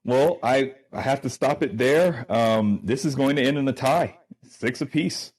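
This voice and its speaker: A man's voice: mid-range voice, unhurried, darkish tone, husky. A man hosting and moderating a sports debate show, easygoing and full of ums. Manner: easygoing, filler-heavy moderator.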